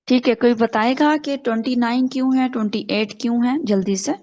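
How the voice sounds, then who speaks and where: A woman's voice: on the high side, fairly even intonation, warm tone. Woman teacher, online class, patient corrections, video call, muffled lo-fi sound. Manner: patient, correcting students step by step. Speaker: Quran recitation teacher.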